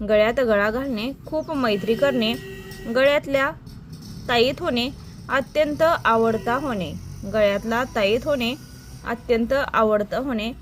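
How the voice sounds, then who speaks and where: Female tutor, slow measured dictation of idioms and meanings, voice a bit high. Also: a little hiss or hum. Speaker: teacher. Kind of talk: reciting Marathi idioms for exam prep.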